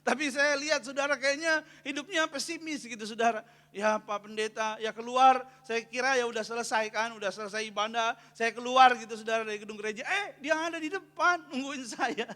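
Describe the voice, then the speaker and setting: A man's voice: very high-pitched, a little fast, pushed and bright. A man preaching a sermon as pastor, calling out questions to the congregation and having them fill in the answers. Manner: call-and-response preaching, often asking the congregation to finish his sentences. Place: church hall. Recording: long reverb of a church hall.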